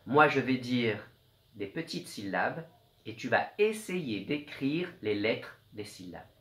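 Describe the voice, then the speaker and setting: A man teaching young children a spelling dictation, speaking gently and encouragingly and sounding out letters slowly. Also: medium pitch, sing-song, reverberant. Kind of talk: slow, patient dictation lesson for young children.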